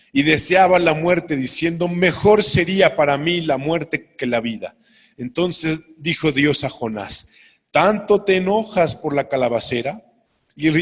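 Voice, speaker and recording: A pastor preaches in a fairly high voice, reading scripture and then laying it out earnestly for his listeners. His words ring out with a long reverb in a church hall. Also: fairly bright tone. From Mexico. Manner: earnest, explains plainly to the congregation. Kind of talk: sermon with Bible reading.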